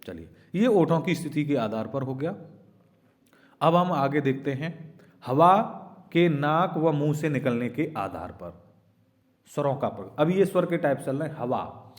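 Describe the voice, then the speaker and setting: A man's voice: a little high, animated, unhurried, long pauses. A man teaching an exam-prep lesson, patiently explaining and sounding out vowels, often asking "right?" and calling his students children. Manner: demonstrates vowel sounds aloud.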